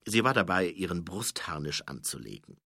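Male narrator, lower voice, bright and husky, very lively. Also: normal speed, no room sound, studio quality. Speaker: audiobook narrator. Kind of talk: scripted narration.

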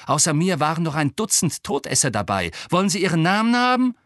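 Angry defiant teenage boy, voiced by a man; heated and hissing, lifted pitch, dry close sound. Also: sing-song, a little fast, a bit bright, dry recording.

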